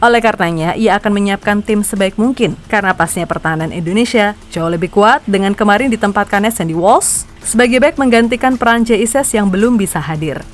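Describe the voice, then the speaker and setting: A woman's voice: mid-range voice, fairly quick. A woman reading football news as a scripted narration, chatty and opinionated. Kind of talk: scripted narration with casual asides.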